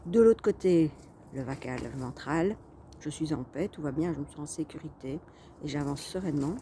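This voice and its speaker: A woman coach chats to her viewers in a casual vlog, pausing often on fillers and restarting her phrases. Her voice sits fairly low and sounds mellow and relaxed. A faint hum of room ambience stays behind her. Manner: chatty, hesitant with frequent fillers and restarts. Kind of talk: casual talking-head vlog.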